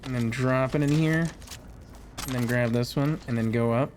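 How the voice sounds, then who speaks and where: With gunfire and other game sounds going on, this man streams a video game, joking around and chatting with viewers in live commentary. He has a mid-range, slightly mellow voice and speaks at a moderate pace.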